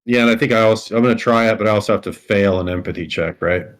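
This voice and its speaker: A man who is a player in a tabletop game, deliberately stating what his character does. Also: fairly low pitch. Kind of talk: casual tabletop game chat.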